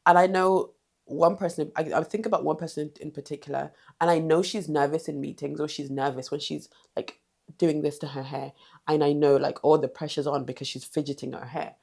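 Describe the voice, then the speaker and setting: A woman's voice: sits low, steady tone, brisk, vocal fry, darkish tone, breathy edge. A woman giving direct, emphatic confidence advice in a vlog, repeating short commands. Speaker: confidence coach.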